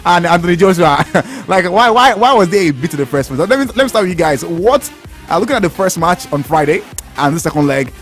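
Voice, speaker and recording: A man's voice: high voice, lively intonation, brisk, soft background music. A Nigerian man hosting a live sports radio show, talking in a sing-song way with many fillers.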